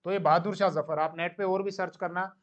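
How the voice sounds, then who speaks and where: In a recorded classroom lecture on history, a man with a high-pitched, steady voice speaks a little fast. He tells the material like a story, acting out dialogue and often posing a question only to answer it himself.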